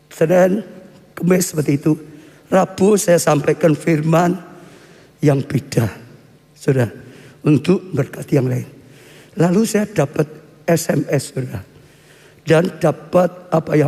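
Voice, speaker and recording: A man preaching a sermon as pastor, building fervor through chant-like repetition that climbs higher and higher. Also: dark tone, breathy edge. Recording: long hall reverb, faint music behind.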